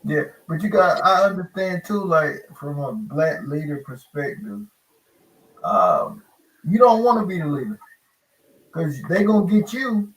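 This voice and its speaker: A man's voice: on the high side, big pitch swings, a little slow, rough recording. A man in a casual discussion, making his points emphatically and repeating himself as he works them out.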